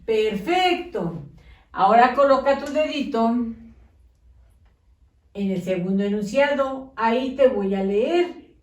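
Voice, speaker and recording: Slow, coaxing woman teacher. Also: a little high, reverberant, distant mic. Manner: patient, coaxing, uses diminutives. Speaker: primary school teacher. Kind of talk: slow dictation lesson for young children.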